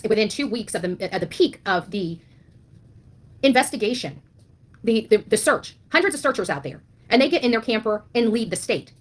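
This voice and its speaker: Her voice a little high and fairly bright, an online commentator speaks with passion about a missing-child case. She's indignant and blunt, hammering her points with rhetorical questions and repetition.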